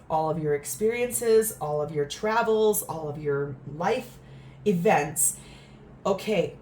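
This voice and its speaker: A woman giving a tarot reading in a gentle, earnest, reflective way, with frequent fillers. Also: lowish voice, slight background noise. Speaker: tarot reader.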